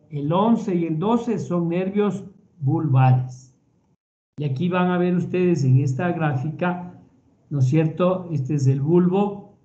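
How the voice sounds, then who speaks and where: A man with an Ecuadorian Spanish accent giving a recorded medical lecture in a measured, explanatory way, often repeating words as he thinks. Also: on the high side, warm tone, highs cut off.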